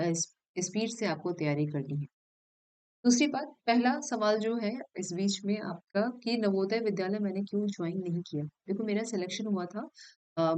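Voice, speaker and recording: A woman in her thirties, an assistant professor, talking straight to her viewers in an advice vlog, earnestly and directly, often pausing to rethink a phrase. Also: on the low side, a little mellow, low-quality recording. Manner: thinks aloud with frequent hesitations and self-corrections.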